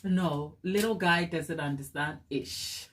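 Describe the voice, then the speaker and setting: On a cake decorating livestream, a Ghanaian-accented woman chats casually, calling viewers "my people" and weaving in Twi. She takes it slowly in a deep voice with a fairly bright tone, and there's slight background noise.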